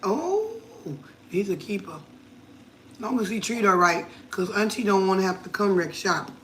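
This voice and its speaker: A woman's voice: mid-range voice, animated, normal speed, a bit bright, slight background noise. A middle-aged woman from Connecticut, a cooking vlogger chatting casually and playfully, laughing often. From Connecticut, USA. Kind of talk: casual live chat.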